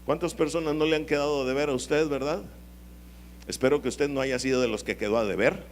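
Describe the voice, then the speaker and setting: A man, preaching a sermon and drawing answers from the congregation, at times rising into a high, pleading voice. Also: fairly quick, slight background noise. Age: 50s. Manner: call-and-response with the congregation; dramatic swings into high pleading voice. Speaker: pastor.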